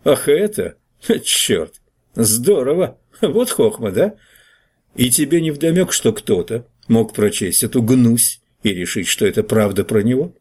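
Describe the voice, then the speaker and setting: A man's voice: mid-range voice, sing-song, measured pace, a little mellow, slightly rough. A man reading an audiobook and voicing a rude, scrawny newspaper clerk who talks in a brash, mocking way.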